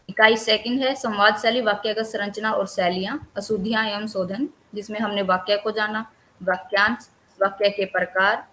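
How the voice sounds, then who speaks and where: A woman teacher running an online class, going through a list of chapter topics at a steady, even pace. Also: medium pitch, a little hiss or hum, poor audio. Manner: lists topics steadily with few pauses. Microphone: computer mic on a video call.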